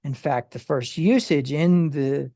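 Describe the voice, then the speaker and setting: A Bible study teacher explains the meanings of words haltingly, with many fillers and restarts. The voice is mid-range and warm, and the recording is dry and clean, with studio sound.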